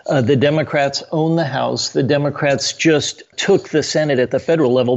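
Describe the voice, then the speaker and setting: Halting man on a muffled line. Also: mid-range voice, darkish tone. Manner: halting, stuttering, restarts and fillers. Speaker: state senator, radio guest. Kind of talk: political radio interview.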